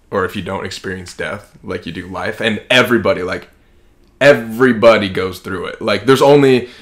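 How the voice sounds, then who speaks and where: A man in his early twenties from Kansas, United States, with an American accent, co-hosts a podcast and talks in a casual, reflective way. His voice is on the low side with a fairly bright tone, and he rambles informally, leaning heavily on "like."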